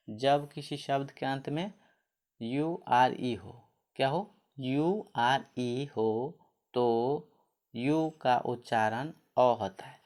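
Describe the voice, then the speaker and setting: A man's voice: medium pitch, a little mellow. Man teaching pronunciation, spelling letter by letter. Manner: repetitive question-and-answer teaching, spells words letter by letter.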